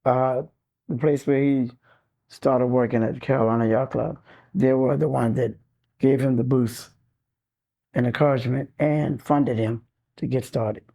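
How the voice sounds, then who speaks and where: A man's voice: mid-range voice, fairly even intonation, a little slow, vocal fry, pauses often, dark tone. A man answering questions as an interviewee, offering recollections for an oral history.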